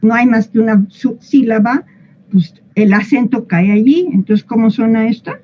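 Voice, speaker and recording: A woman's voice: a little high, moderate pace, highs cut off, a little hiss or hum. A woman, explaining English pronunciation to a class in a patient, playful way and asking them questions. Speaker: English teacher.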